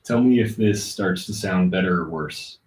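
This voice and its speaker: A man hosting a casual livestream, answering chat comments informally and thinking aloud in a halting way. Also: sits low, darkish tone. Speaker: livestream host. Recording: roomy, muffled, distant laptop-like mic.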